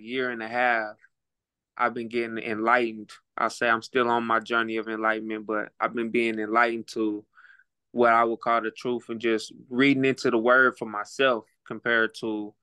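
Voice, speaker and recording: A man with an Oklahoma accent, a rapper and boxer, appears as a guest on a casual podcast. His mid-range voice has a sharp, smooth tone in a dry recording, and he talks in a laid-back, reflective way, repeating words as he thinks.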